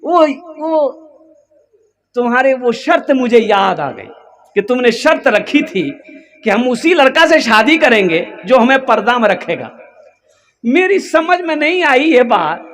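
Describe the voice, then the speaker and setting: A man voicing an old farmer husband who earnestly asks a puzzled question, his pitch rising. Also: lively intonation, unhurried, a bit bright, full character voice.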